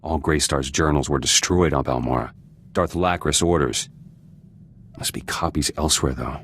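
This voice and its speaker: A very deep, gruff, slightly bright voice delivers video game lines at normal speed as a curt former resistance fighter now in politics. His mood is grim and bitter, and he speaks in clipped, blunt fragments with a guarded cynicism. There's a faint ambient hum in the background.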